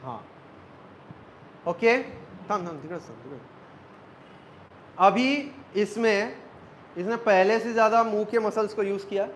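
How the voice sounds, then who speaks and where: A man's voice: high-pitched, animated, measured pace, long pauses, slight background noise, rough recording. A man, an acting coach teaching a class, quizzing students and joking with them.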